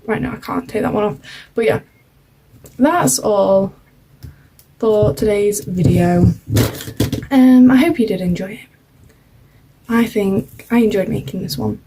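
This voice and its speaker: A woman's voice: mid-range voice, unhurried, pauses often, warm tone, husky, rough recording. A young woman chatting casually while crafting for a vlog, rambling with lots of fillers. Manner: rambling, self-interrupting, uses "like" and "um" a lot. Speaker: craft vlogger.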